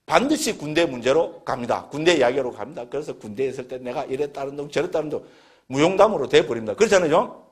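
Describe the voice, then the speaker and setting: A Buddhist monk gives a scripture lecture. His voice is husky and sits fairly high for a man. He talks in a plain, earnest way and keeps checking in with his listeners through rhetorical questions. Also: expressive, quick pace. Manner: plain-spoken, folksy and earnest.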